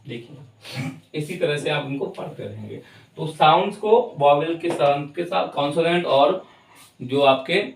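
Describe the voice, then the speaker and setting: A man teaching English pronunciation, spelling words out letter by letter and then saying them slowly, with an Indian English accent. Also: fairly high pitch. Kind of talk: explaining lesson. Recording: echoey room, far from the mic.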